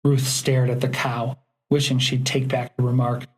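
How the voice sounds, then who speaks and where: Male audiobook narrator, measured, mid-pitched, plain read. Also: level tone, poor audio. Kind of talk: scripted narration.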